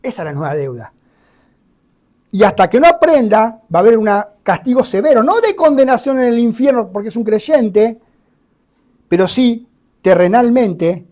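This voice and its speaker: A preacher giving a sermon that explains a Bible passage. The delivery is animated, swinging between loud emphasis and quiet asides, with dramatic readings that voice the characters in the story. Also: medium pitch, normal speed. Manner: reads scripture dramatically, voicing the characters.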